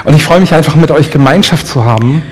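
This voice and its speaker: Church interpreter, echoing hall. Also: male voice, a little high. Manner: quick rephrasing, some hesitation. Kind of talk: live sermon interpreting. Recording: long church hall reverb.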